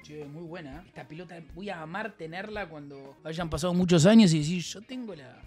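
Man, Rioplatense Argentine accent, casual stream chat, rambling and joking, slightly high pitch, faint background music. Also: a little fast.

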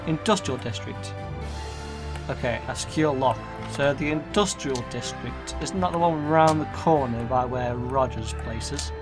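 A man's voice: mid-range voice, measured pace. A man giving casual gameplay commentary, muttering to himself and reading in-game text aloud. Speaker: gaming video host. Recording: game music behind.

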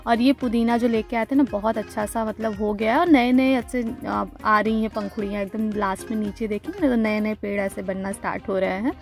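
Woman with a gravelly, fry-tinged voice. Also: medium pitch, steady tone, a little fast, hardly any pauses, faint music behind. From India. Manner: chatty, explaining step by step. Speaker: vlogger. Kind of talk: casual voice-over narration.

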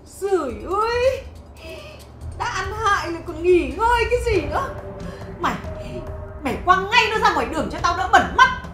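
Casting: vicious old mother-in-law, high lively voice, roomy drama set. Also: moderate pace. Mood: scolding. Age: older. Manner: shrill, scolding, fake-sweet to guests. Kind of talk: TV drama acting. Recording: roomy echo, music behind.

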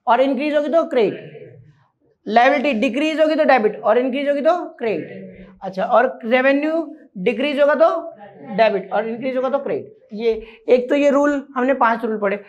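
A man with a high voice leads an accounting lesson, drilling each rule through repetition and quick quizzing of his students. The recording sounds dull and lo-fi. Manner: drills rules by repeating them and quizzing students. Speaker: accounting teacher. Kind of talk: classroom lecture.

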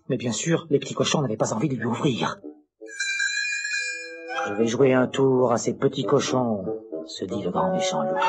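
A man narrating a children's storybook record in an animated, expressive way, with music behind. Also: mid-range voice.

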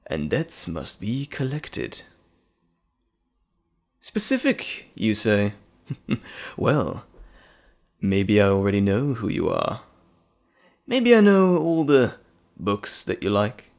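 Man acting slow, menacing, teasing Mr. Hyde. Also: lowish voice, vocal fry, exaggerated voice. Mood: sly, taunting. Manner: theatrical, mocking, drawling with dramatic pauses. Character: menacing, teasing monstrous male alter ego, Mr. Hyde. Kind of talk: dramatic audio roleplay addressed to the listener.

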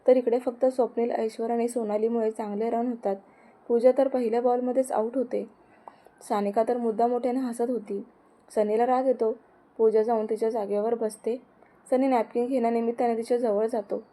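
A woman's voice: on the high side, steady tone, fairly quick, warm tone. A woman narrating a romance story, reading the characters' dialogue in her own voice.

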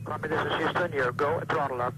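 Flat, very noisy mission control radio man. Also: on the high side, racing. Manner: clipped, procedural. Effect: radio transmission. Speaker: capsule communicator in mission control. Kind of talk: mission control radio call to a spacecraft crew. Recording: very noisy crackly space radio link.

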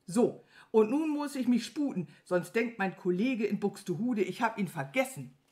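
A woman reading a children's story aloud, voicing an irritable, bossy male wizard who scolds and shouts impatiently. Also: medium pitch, expressive, moderate pace, lightly acted. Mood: grudging. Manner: impatient, scolding, raised and strained. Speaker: kindergarten teacher.

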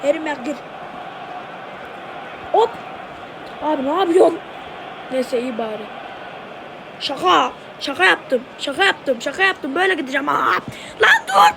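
A streamer giving casual commentary while playing a mobile football game, excitable and swearing and shouting at their own players, voice going hoarse. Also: high voice, normal speed, pauses often, noisy background.

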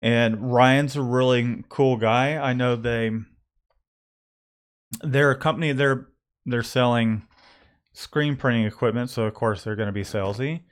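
Rambling shop owner, chatty. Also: male voice, mid-range voice, fairly even intonation, unhurried. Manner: rambling, self-correcting, joking. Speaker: co-owner of a screen printing shop, channel host. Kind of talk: casual chat. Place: screen printing shop.

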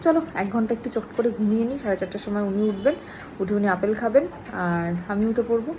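A woman's voice: fast, background noise. A young woman, chatting casually to camera in a home vlog. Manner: chatty, switches into high sing-song baby talk with her daughter. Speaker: vlogger.

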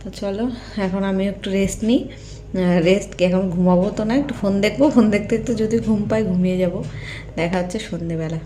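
Filming herself at home on a phone, moving between kitchen and bedroom, a middle-aged vlogger chats loosely and fills her speech with fillers. Her medium-pitched voice is fast and mellow, with a little hiss or hum.

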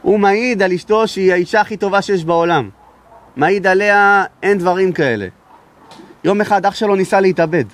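High-voiced emphatic Israeli rabbi. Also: male voice. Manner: raises his voice to be heard, emphatic. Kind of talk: sermon with storytelling.

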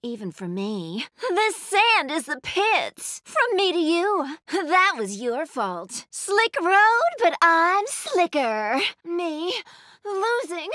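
Female bat game racer, high-pitched, unhurried, smug, sultry, flirtatious taunts. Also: big pitch swings, sharp tone, dry recording, exaggerated voice. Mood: playful, competitive. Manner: sultry, taunting, pet names like sugar and honey. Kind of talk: video game character voice lines.

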